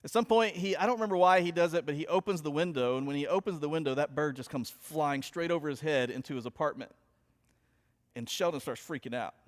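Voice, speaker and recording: A man preaching a sermon, opening with a chatty, animated story told to his congregation. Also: on the high side, fast talker. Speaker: pastor. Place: church sanctuary. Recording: long hall reverb.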